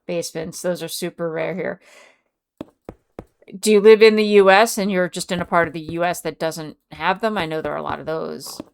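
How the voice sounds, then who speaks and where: A woman's voice: lowish voice, fairly even intonation, moderate pace, vocal fry, slight background noise. A woman streamer chatting casually with her viewers, reading out and answering chat messages. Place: home.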